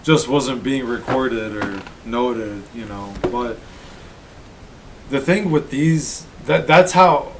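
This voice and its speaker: A man's voice: medium pitch, slow, noisy background. A man of about thirty co-hosting a casual podcast, laid-back and laughing readily. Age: 30s. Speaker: podcast co-host. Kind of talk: casual chat.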